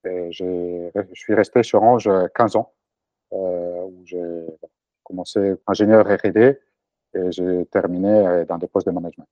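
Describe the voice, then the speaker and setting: A native Italian speaker in his forties, an entrepreneur being interviewed, answers hesitantly with frequent fillers and restarts. His voice is low, steady, unhurried and dark, captured in a dry, muffled recording.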